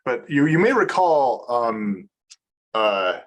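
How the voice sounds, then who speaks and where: A man's voice: mid-range voice, very animated, slow pace. A man giving an informal research seminar talk on mathematics over a video call, hesitant, with many fillers and restarts. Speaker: mathematics lecturer.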